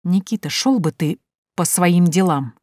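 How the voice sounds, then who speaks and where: A jealous male director speaks in short, clipped lines through his teeth, read by a woman. The voice is low and the sound is dry. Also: measured pace, a little mellow, no echo. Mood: curt. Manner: curt, through clenched teeth.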